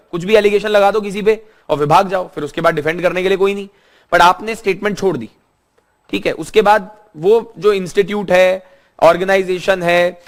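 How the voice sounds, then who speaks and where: A man with an Indian English accent lectures a class in a high voice. He slows right down to dictate notes, then rushes through chatty asides. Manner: switches between quick chatty asides and slow dictation. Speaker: teacher.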